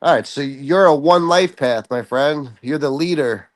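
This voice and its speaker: A man's voice: on the high side, normal speed, no room sound. A man who has joined a casual livestream chat, confidently explaining number lore with certainty. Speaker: call-in guest.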